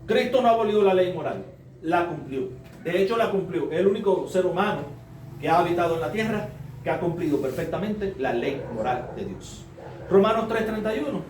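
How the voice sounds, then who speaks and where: A man's voice: high voice, expressive, a little fast, darkish tone. A man preaching a sermon as a Bible study, explaining step by step and asking the congregation rhetorical questions. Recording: roomy, distant mic, faint noise.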